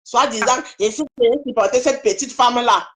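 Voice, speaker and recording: Woman guest on a live stream, high voice, scolding and lecturing, says the same thing over and over. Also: fairly quick. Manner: scolding, lecturing, repeats phrases. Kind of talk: heated live stream commentary.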